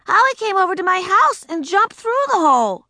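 A woman reading aloud, voicing an indignant, proud first-grade girl who shouts and insists. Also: very high-pitched, big pitch swings, moderate pace, no echo, studio quality, voice pushed up, heavily acted. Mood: insistent.

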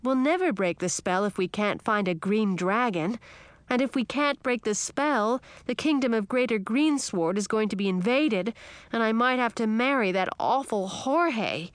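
A woman's voice: a little high, normal speed, clear, resonant tone, dry recording, pitched above the performer's own voice, natural voice. A woman voicing a young woman turned into a frog, earnest and worried.

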